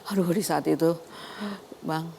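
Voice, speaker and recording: An older woman with a low voice speaks as a guest in a TV studio interview. She tells her story in a lively way and laughs often. A faint hiss sits under her voice. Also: measured pace, creaky. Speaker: doctor and guest. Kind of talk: talk show interview.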